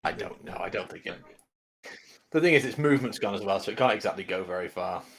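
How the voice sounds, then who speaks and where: A man's voice: sits low, fast, vocal fry. A man co-commentating a live tabletop game stream, chatting casually with the host. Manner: lively, animated, restarts. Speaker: guest co-commentator.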